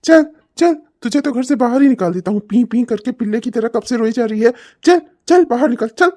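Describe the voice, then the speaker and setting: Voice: medium pitch, brisk, noisy background, lightly acted. A voice actor playing an abusive, short-tempered husband and father in a cartoon, hurling insults and threats. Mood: angry. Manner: shouting insults, snarling and threatening. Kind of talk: cartoon comedy voice acting.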